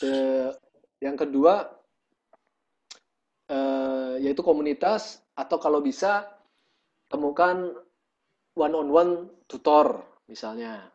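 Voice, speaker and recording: A man, a musician and guest, chatting casually over a video call in a lively storytelling way, acting out what people said. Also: medium pitch, lo-fi sound. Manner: lively storytelling, acts out quotes.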